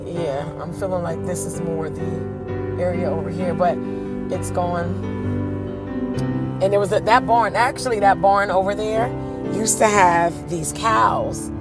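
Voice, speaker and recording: This host, a woman whose voice is deep and husky, guides an informal storytelling tour outside at a measured pace. Loud music sits behind her voice as she animatedly performs the voices of the people she quotes.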